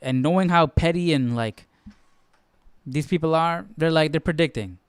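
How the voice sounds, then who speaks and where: A man's voice: fairly high pitch, normal speed, smooth, no echo, clean studio sound. A man giving casual, off-the-cuff commentary as host of a Bible study, questioning and conversational with repeated phrases.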